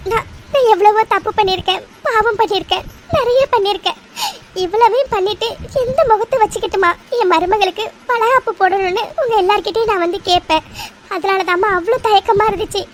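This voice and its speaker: Cartoon mother-in-law, middle-aged, hesitant and tearful, very high voice, woman voicing her. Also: a little fast, a little hiss or hum. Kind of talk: cartoon voice acting.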